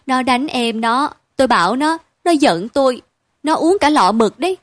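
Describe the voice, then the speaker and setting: A woman voicing a fretful, doting mother who pleads and wails loudly, in a storybook reading. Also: high voice, animated, normal speed, dry recording. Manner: wailing, pleading, loud.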